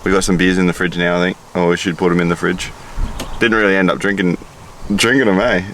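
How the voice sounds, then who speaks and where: A man's voice: deep voice, level tone, fast, crowd noise. An Australian man casually telling camping stories outdoors, laughing often and swearing freely. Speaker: vlogger. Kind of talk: casual chat. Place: outdoors at a campsite.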